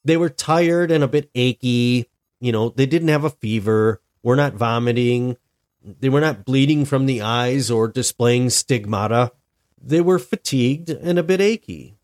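A stuffy-sounding adult man, married and sick with something like a cold, hosts a solo podcast monologue. He is deliberate and reflective, restarting often. His voice is medium-pitched and a little mellow.

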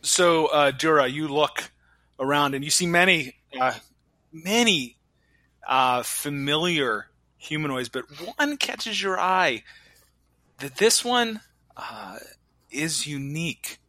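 Slow, bright-voiced game master. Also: male voice, on the high side, animated, dry recording. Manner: halting, many fillers. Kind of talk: narrating a tabletop game.

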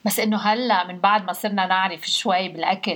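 A woman's voice: mid-range voice, fairly even intonation, racing, fairly bright tone. A young woman with a Lebanese accent chatting casually with her mother, playful and full of teasing questions. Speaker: daughter on a call with her mother. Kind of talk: casual family phone chat.

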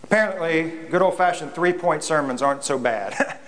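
A man's voice: fairly high pitch, animated, moderate pace, fairly bright tone, a little hiss or hum. A man, a pastor, preaching a reflective sermon in a church, often repeating words as he goes.

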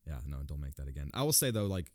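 A man chatting casually about a film as a podcast co-host, animated and laughing often as he acts out quotes. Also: a bass voice, fast talker, no room sound, studio quality.

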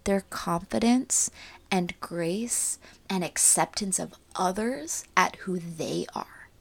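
A woman giving an earnest, informal spiritual pep talk straight to listeners, breathy and often near a whisper, like a soothing healer. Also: lowish voice, slow. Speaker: podcast host and spiritual coach.

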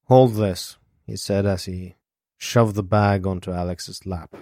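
Slow, low-voiced male audiobook narrator. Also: no echo, clean studio sound. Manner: calm, measured storytelling.

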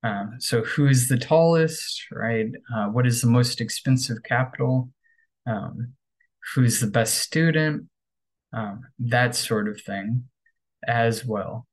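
A man's voice: mid-range voice, takes it slowly, poor audio. A man hosting a casual English lesson podcast, talking loosely with lots of "um" and "right?". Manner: relaxed, filler-heavy, frequent "right?". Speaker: English teacher, podcast host. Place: home bedroom workstation.

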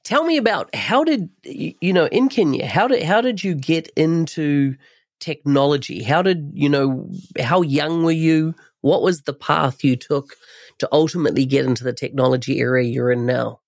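A man's voice: on the high side, normal speed, dry recording, studio quality. A man hosting an interview podcast, introducing his show and guest and asking questions.

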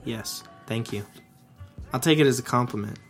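A man co-hosting a podcast in casual chat, playful and quick with reactions and asides. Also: mid-range voice, soft background music. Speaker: podcast co-host.

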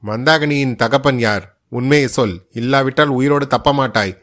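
A man's voice: medium pitch, normal speed, fairly bright tone, lightly acted. A man voicing a stern male spy who threatens a captive for the truth. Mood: menacing.

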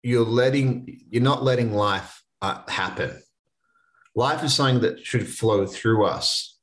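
Fairly bright in tone, mid-range, and a little slow, this man in his late twenties hosts a solo motivational podcast. He's earnest and casual, chatting conversationally and restarting at times.

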